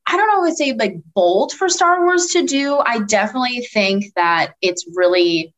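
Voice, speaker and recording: A woman's voice: on the high side, lively intonation, moderate pace, a bit bright. A woman who is a guest on a podcast, talking casually in a hesitant way with many fillers. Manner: filler-heavy, hesitant phrasing. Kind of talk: casual chat.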